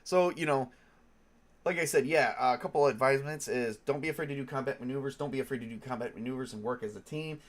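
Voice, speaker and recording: On a casual live stream, a man serving as a tabletop game master rambles along, full of ums and restarts, his nose clogged with a cold. He talks fast, and his voice sits at a medium pitch.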